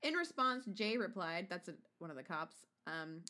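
A woman's voice: lowish voice, big pitch swings, moderate pace, bright, forceful tone. A woman co-hosting a casual true-crime chat, reading out case notes and breaking off into profane asides. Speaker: podcast co-host.

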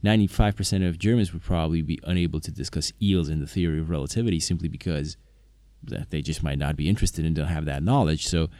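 Speaking quickly in a rumbling low, mellow voice, this interpreter and polyglot video maker talks to viewers about language skills. He is a native Slovak speaker whose casual to-camera delivery is hesitant, with frequent fillers and false starts, and the audio has no echo.

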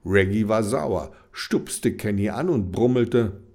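A man reading a children's story aloud in a lively, expressive way. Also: on the low side, slow pace.

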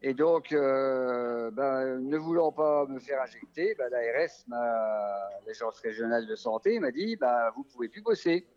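A man from the Vosges with a Vosges French accent, a rural family doctor talking casually in an interview, relaxed and hesitant with many fillers and restarts. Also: mid-range voice, measured pace, few pauses, highs cut off. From Vosges, France.

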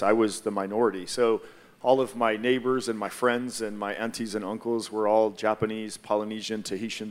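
Low-voiced man giving a reflective testimony. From Hawaii. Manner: measured, reflective, many "uh" pauses. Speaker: church member sharing testimony. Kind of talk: personal testimony on a church panel.

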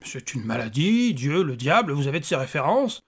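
A touchy little bearded imp rants and grumbles in a raised, husky voice, as a male narrator puts him on. He is sarcastic and quick to take offence, pushing his pitch up when riled. It is a character voice in a storybook reading. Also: sing-song, full character voice. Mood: exasperated. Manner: irritable, sarcastic, ranting. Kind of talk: audiobook character voice.

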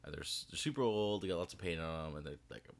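A man with a low-pitched, creaky voice talks fast and animatedly while co-hosting a podcast. He chats casually about a hobby, laughing often, from a small bedroom with the door shut.

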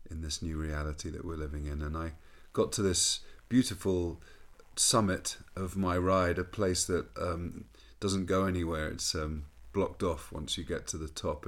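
A man, a rabbi, giving a measured, thoughtful spoken reflection that moves between reading a poem and telling a personal story. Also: rumbling low, a bit bright.

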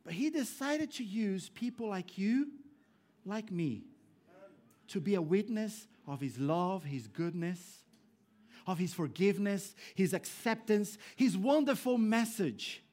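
A man from Brazil, a pastor preaching a sermon to a congregation, swinging between emphatic raised lines and low hushed ones. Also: animated, a little slow. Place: church hall before a congregation.

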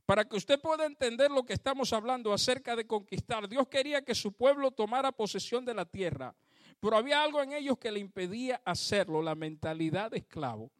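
A man's voice: very high voice, lively intonation, fairly quick, no room sound, clean studio sound. A man preaching a sermon to his congregation, fervently calling out praise to God and asking the church questions. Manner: addresses the congregation directly, asks them questions. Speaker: pastor.

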